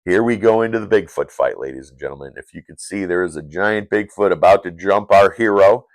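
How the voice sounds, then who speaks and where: Low-voiced man, casual live-stream commentary, dry room. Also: a little fast, dry recording. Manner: casual, rambling, with self-corrections. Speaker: comic book creator. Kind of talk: live-stream comic walkthrough.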